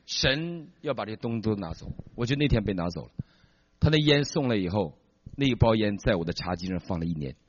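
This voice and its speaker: Husky man telling an animated testimony. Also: lowish voice, fairly quick, dry recording. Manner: animated dramatic storytelling. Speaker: preacher giving testimony. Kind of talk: testimony sermon. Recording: dull lo-fi recording.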